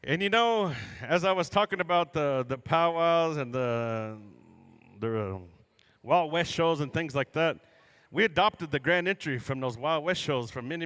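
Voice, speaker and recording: A man working as a powwow emcee, addressing the arena crowd in a folksy, drawn-out announcer style with joking asides, over the PA. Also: fairly high pitch, a bit bright, clear, resonant tone. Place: large indoor coliseum. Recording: arena PA with long hall reverb.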